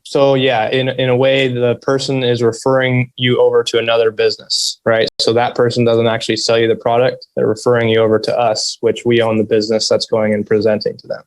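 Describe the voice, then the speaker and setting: Male interview guest, soft flat voice, mid-pitched, very little inflection, understated. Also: a little fast, few pauses, low-quality recording. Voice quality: soft, quiet, monotone voice. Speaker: interview guest, solar business owner. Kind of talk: interview conversation.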